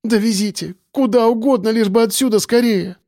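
A man's voice: high voice, brisk, warm tone, no room sound, studio quality, pitched above the performer's own voice. A man voicing a frightened young woman on the run, breathless and pleading. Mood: desperate. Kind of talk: audiobook character voice.

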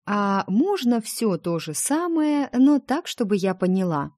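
A woman's voice: on the high side, big pitch swings, a little slow, a little mellow, dry recording, clean studio sound, pitched above the performer's own voice. A woman reading the part of a chatty, playful young heroine in an audiobook, wheedling her dragon friend.

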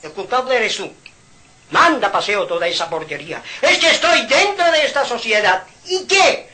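A man from Mallorca, giving an informal spiritual talk at home in an animated, preaching manner with rhetorical questions and sudden loud outbursts. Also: very high voice, normal speed, low-quality recording. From Mallorca, Spain. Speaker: spiritual speaker.

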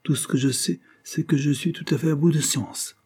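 A man's voice: on the high side, fairly even intonation, moderate pace, a little mellow, breathy edge, voice pushed up. A man reading an audiobook, voicing a puzzled, emotional police sergeant. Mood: perplexed. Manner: earnest, perplexed.

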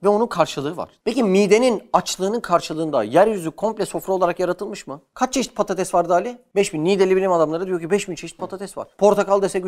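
A man giving a lively religious lesson, asking questions and answering them himself. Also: a little high. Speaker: religious teacher.

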